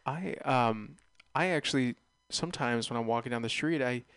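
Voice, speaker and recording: A man's voice: mid-range voice, normal speed, fairly bright tone, clean tone, no echo, studio quality. A man hosting a casual radio chat, talking in a laid-back, hesitant, rambling way. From San Francisco Bay Area, United States. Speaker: radio host. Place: radio studio booth.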